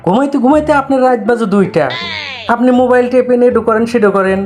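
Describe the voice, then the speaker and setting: Teasing woman boss, raised pitch. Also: fast talker. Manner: teasing, repeatedly asking questions. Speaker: boss in comic skit. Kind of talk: scripted comedy sketch. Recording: loud background music.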